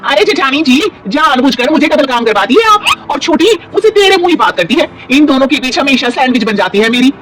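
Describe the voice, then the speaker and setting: A man's voice: very high voice, lively intonation, fairly quick, hardly any pauses, noisy background, voice pushed up. A man voicing a whiny, aggrieved middle daughter-in-law in a cartoon story. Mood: whining. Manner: whining complaints.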